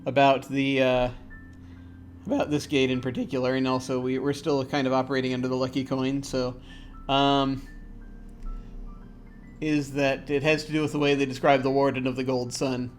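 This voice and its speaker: A man running a tabletop game as game master, describing scenes with frequent pauses and restarts. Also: medium pitch, level tone, faint music behind. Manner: hesitant, many fillers and restarts.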